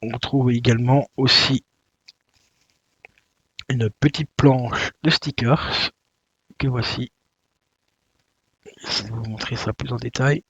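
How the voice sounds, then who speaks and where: A man's voice: medium pitch, steady tone, slow, long pauses, a bit bright, breathy edge, no echo, lo-fi sound. A man chatting casually while he unboxes a video game, with lots of fillers and self-corrections. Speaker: YouTuber unboxing video games.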